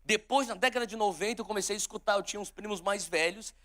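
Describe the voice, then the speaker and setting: A man's voice: high voice, fast talker, a bit bright. A man in his forties from São Paulo with a São Paulo Brazilian Portuguese accent, preaching a live sermon and leading prayer with fervent exhortations and frequent restarts. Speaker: pastor. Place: large church auditorium with live audience.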